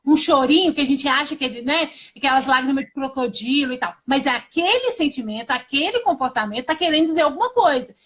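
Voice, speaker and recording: Emphatic high-voiced woman host. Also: expressive, fast talker, hardly any pauses, a bit bright. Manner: emphatic, frequent agreeing interjections. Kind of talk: casual conversation.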